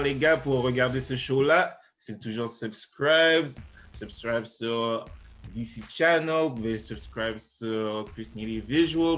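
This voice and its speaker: A man's voice: mid-range voice, fairly bright tone. Hyped-up man hosting. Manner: mixes English slang into French, hype-man energy. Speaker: host. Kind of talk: casual game chat.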